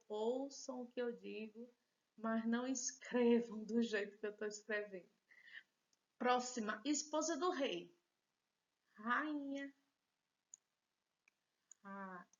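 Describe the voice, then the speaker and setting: Slow, patient Brazilian woman teacher. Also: on the high side, lo-fi sound. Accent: Brazilian Portuguese. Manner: slow, patient, encouraging, self-deprecating about her handwriting. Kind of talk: recorded remote class lesson.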